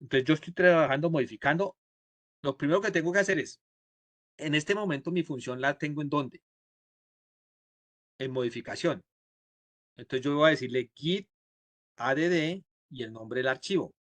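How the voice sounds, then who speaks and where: A man's voice: fairly high pitch, moderate pace, pauses often, a bit bright, no echo. Man teaching a live coding class. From Colombia. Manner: explains step by step, asks students ¿sí? and ¿cierto?; acts out the computer's replies in quotes. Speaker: programming instructor.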